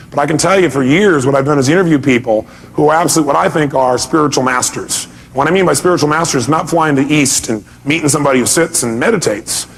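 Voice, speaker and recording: This somewhat high-pitched, creaky male voice belongs to a motivational seminar presenter. Rhetorical questions drive every point as he speaks straight to his audience with emphasis.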